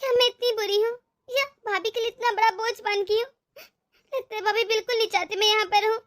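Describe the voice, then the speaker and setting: A gentle, sorrowful young widow in an animated story, voiced by a woman, speaking meekly and blaming herself. Her voice is very high and bright, with a tearful softness. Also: normal speed. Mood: sad. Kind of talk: animated cartoon voice acting.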